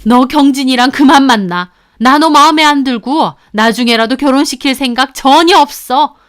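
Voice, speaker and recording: A woman doing a shrill, scornful rich mother. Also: normal speed, natural voice. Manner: shrieking, belittling.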